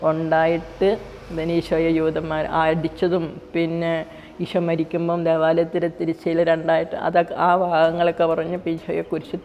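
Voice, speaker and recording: A middle-aged woman, a mother, telling a personal faith story in quick, plain speech full of restarts. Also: fairly low pitch. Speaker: mother giving a faith testimony. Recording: dull, reverberant, with soft music behind.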